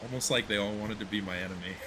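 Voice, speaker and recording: A man's voice: lowish voice, fairly even intonation, very fast, over a noisy crowd. A man streaming a video game, chatting casually and teasing with frequent laughter. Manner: playful, laughs often, teasing. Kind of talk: casual live-stream chat while gaming. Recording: noisy background.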